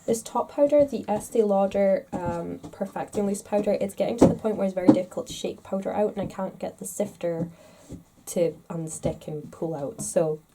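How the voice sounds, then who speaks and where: A makeup vlogger talks casually to the camera, chatty, rambling, and self-deprecating, with a slightly stuffed-up nose. Her voice is medium in pitch, she speaks at a moderate pace, and there's background noise.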